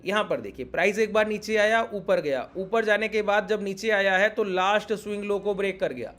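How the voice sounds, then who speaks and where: Male tutor, high-pitched, insistent and repetitive explainer. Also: moderate pace, a bit bright. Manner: insistent, repeats points, keeps asking if it is clear. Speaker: trading teacher. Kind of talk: chart-walkthrough lesson.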